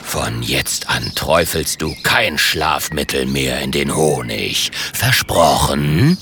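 A man voicing a huge, bossy dragon uncle in a children's storybook, with a slow, booming growl. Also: animated, creaky, background noise, exaggerated voice. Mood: gruff bossy.

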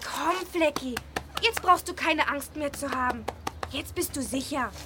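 A woman's voice: high-pitched, unhurried, noisy background. A woman voicing a clever, practical little boy in a children's audio drama, urging and a bit of a know-it-all. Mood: excited. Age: child character.

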